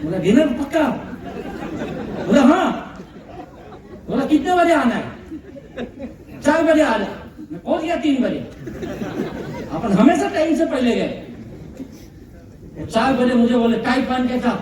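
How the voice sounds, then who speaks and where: A man with a very high-pitched voice, speaking unhurriedly with long pauses, tells a comic story as a motivational speaker to an audience in a large hall, animatedly acting out the dialogue. The recording is echoey, with a distant mic and crowd noise.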